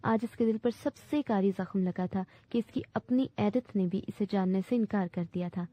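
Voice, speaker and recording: A woman narrating a translated classic novel in a steady, clear reading voice. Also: medium pitch, no room sound. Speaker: audiobook narrator. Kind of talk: scripted storybook narration. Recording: dull dry recording.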